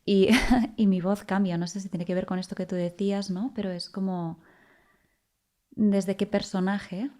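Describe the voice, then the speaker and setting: A woman hosts a podcast and shares her thoughts in a conversational interview. Her voice is mellow and warm and sits at a middle pitch. She speaks thoughtfully, pausing to search for words. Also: fairly even intonation. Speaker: podcast host.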